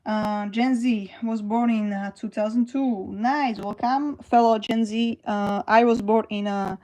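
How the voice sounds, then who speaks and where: Slow, soft-toned young woman streamer. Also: on the high side, fairly even intonation, poor audio. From Slovakia. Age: 20s. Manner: slow, hesitant, many fillers and restarts. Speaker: livestream host. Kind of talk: casual livestream chat reading comments.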